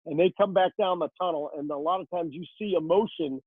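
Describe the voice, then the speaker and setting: A man's voice: on the high side, brisk, husky, no echo. A man who works as a rinkside hockey reporter answers interview questions in a chatty, storytelling way, full of "uh" fillers. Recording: tinny phone line.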